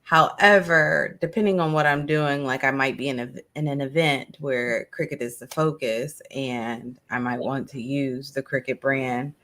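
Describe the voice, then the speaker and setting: A woman's voice: extremely low pitch, steady tone, moderate pace, few pauses, fairly bright tone. A woman co-hosting a craft livestream in casual chat, rambling and self-deprecating.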